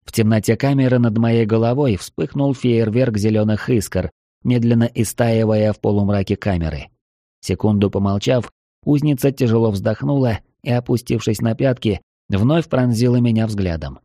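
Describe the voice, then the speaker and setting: A man narrating a fantasy audiobook in an even, measured way. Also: lowish voice, no room sound, clean studio sound. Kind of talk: scripted narration.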